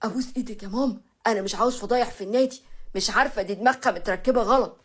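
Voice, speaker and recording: A woman's voice: on the high side, rapid-fire, breathy edge. A woman voicing an exasperated young rich husband, fed up and complaining, with an Egyptian accent.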